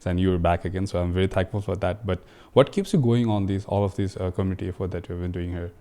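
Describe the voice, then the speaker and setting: A young man hosting a podcast interview in a friendly, halting way, with many fillers. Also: low-pitched, warm tone. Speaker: podcast host.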